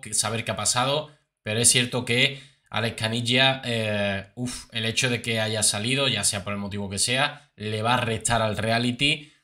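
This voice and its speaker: A man's voice: fairly low pitch, bright, forceful tone. A man giving chatty commentary on reality-show clips, with many fillers and repeats. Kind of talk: casual commentary.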